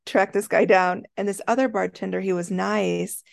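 Gravelly-voiced woman telling a story. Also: mid-range voice, moderate pace, no room sound, clean studio sound. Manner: animated storytelling, laughing often. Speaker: podcast co-host. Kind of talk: casual chat.

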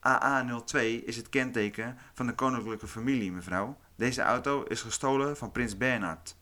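A stern, curt policeman, as a male narrator puts him on, snapping his questions in a true-crime tale. The voice drops lower and quieter when he explains himself. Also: normal speed, close to an everyday voice.

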